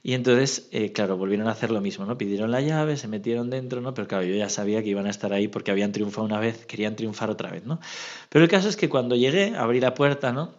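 A man's voice: lowish voice, fast, highs cut off. A parish priest with a Spanish accent from Spain gives a homily full of anecdotes, constantly tagging his phrases with a questioning "¿no?". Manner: lively storyteller, adds "¿no?" after nearly every phrase.

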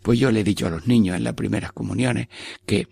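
Spanish priest, low gravelly voice, prayerful sermon, talks straight to Jesus and plays out small exchanges. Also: male voice, fast, darkish tone, no echo. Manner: speaks to Jesus directly in prayer, acts out little dialogues.

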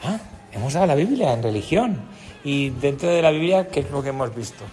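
A man's voice: mid-range voice, animated, brisk, darkish tone, faint music behind. A man, a teacher quizzing children on a school radio show in an encouraging, playful way. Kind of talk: quizzing children in class chat.

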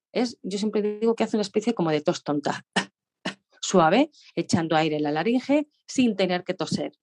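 A woman vocal coach explaining voice technique in a radio interview, lively and demonstrative, laughing often. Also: fairly low pitch. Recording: radio studio.

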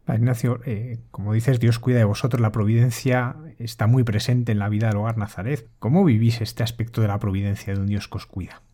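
A man asking a calm, measured question as a radio interviewer. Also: medium pitch.

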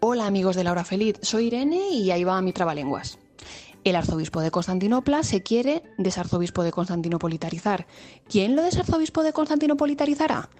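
A woman's voice: mid-range voice, animated, fast talker, darkish tone, faint music behind. A mother reciting a long tongue twister. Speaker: mother taking part.

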